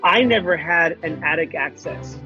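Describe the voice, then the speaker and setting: A man's voice: fairly high pitch, normal speed, over music. Man with a muffled, dull-sounding recording. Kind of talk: casual chat, personal anecdote.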